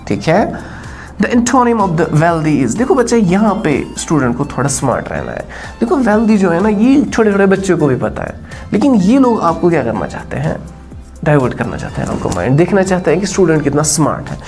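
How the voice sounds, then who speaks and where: Male teacher, lively exam-prep delivery. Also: on the high side, fairly quick, soft background music. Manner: addresses students as "bachcha", mixes English and Hindi, lively.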